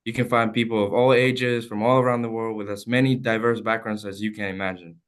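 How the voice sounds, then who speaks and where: Earnest young man, smooth clear voice. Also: lowish voice, flat delivery, a little fast. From El Salvador. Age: young adult. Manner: earnest, formal and heartfelt. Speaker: student testifying at a hearing. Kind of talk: read prepared testimony.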